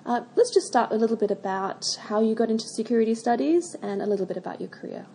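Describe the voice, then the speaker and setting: Warm-voiced woman hosting a podcast. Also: fairly high pitch, animated, creaky, a little hiss or hum. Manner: measured and formal, with occasional ums. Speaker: podcast host. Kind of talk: prepared interview questions.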